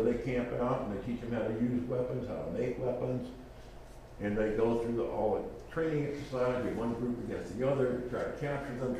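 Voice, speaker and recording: A warm, mid-range male voice delivers a relaxed lecture on genealogy and naming, chatting casually and acting out little dialogues as he goes. There is a roomy echo and some faint background noise.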